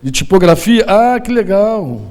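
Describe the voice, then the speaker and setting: A man with a high-pitched voice preaches in a Brazilian Portuguese accent, speaking to pastors and leaders at a conference. His sermon is loose and conversational, full of slang and quick questions to the crowd. He sounds like he is standing before a room. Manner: animated, colloquial preaching with slang and audience questions. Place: conference hall.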